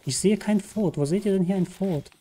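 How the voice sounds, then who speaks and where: A man commenting live on his video game, chatty and excitable, often exclaiming. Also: high-pitched, a little fast, slight background noise. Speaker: let's play gamer. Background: game music.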